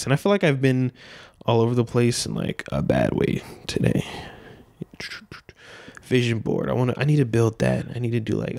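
Twenties male podcast host, gravelly and relaxed, dry close-mic sound, loose unscripted rambling. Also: medium pitch, no room sound. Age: 20s. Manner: laid-back, loose and meandering, frequent filler words and swearing. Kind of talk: casual solo rambling podcast. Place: small room at home, seated by a door. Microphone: handheld dynamic mic, wearing headphones.

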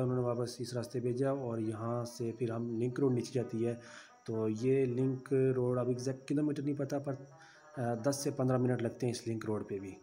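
A man's voice: medium pitch, mellow. A man giving a casual travel voice-over, chatty and full of route tips for viewers. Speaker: travel vlogger.

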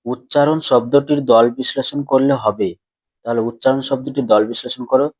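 Male grammar teacher, mid pitch, patient and repetitive, drawn-out words, dry close mic. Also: steady tone, darkish tone, dry recording. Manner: patient, repeats questions and answers them himself; stretches out words slowly when splitting syllables. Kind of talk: classroom lesson explanation.

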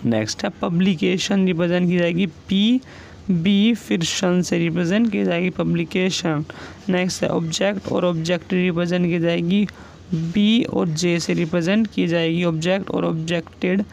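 A man with a high, gravelly voice teaches shorthand, saying each example word slowly and repeating it. There is a faint hiss of noise behind him. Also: steady tone, darkish tone, poor audio. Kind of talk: classroom explanation.

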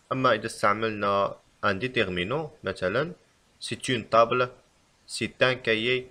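Guy explaining french grammar, lowish voice, says the french bits super slow. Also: pushed and bright. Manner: reads French examples slowly and deliberately. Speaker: French teacher.

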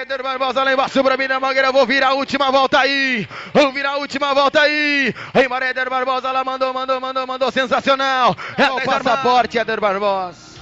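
A man's voice: extremely high pitch, pushed and bright, lo-fi sound. A Brazilian man giving hyped rodeo announcer commentary on a roping run, with rolling, repeated calls. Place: outdoor rodeo arena.

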